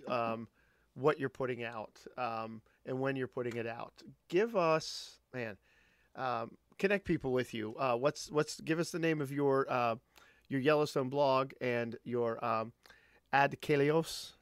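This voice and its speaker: A male podcast host talks in a slow, unhurried way, pausing often with ums as he gathers his words. His voice sounds dry and close, with a middle pitch. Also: smooth, no echo. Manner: hesitant, with many ums. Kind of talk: casual interview chat.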